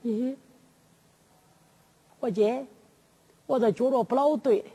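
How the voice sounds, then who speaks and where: A storyteller with a Henan accent voicing a group of boastful, rowdy male yamen runners who chatter quickly and rustically. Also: medium pitch, dark tone, breathy edge, long reverb tail.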